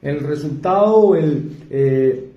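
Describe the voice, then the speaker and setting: A man with a Colombian accent preaching an evangelical sermon, moving between fast emphatic repetition and slow quiet asides, often asking the congregation questions. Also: a little high, muffled recording. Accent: Colombian Spanish. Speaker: pastor. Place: church. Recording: echoey church hall.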